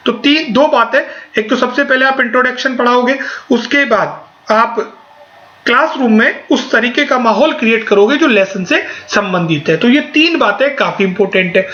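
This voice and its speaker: A man's voice: very high voice, sharp tone. A man teaching an exam-prep lesson, explaining point by point and answering his own rhetorical questions. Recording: dull, echoey room.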